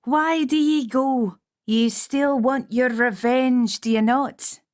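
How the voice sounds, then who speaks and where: A man voicing a young, formidable witch woman with a Scottish accent, chiding in brisk dialect, for an audiobook. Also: very high-pitched, steady tone, pitched above the performer's own voice. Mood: firm. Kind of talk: audiobook character voice.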